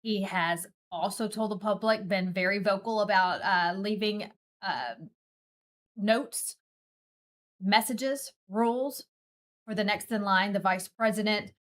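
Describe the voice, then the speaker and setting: A woman's voice: medium pitch, takes it slowly. A woman hosting a morning news show, asking direct and pressing questions. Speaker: news host.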